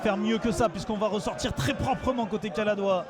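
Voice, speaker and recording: A man giving excited sports commentary as a football match commentator. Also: high voice, brisk, a crowd in the background. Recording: music and outdoor noise behind voice. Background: music.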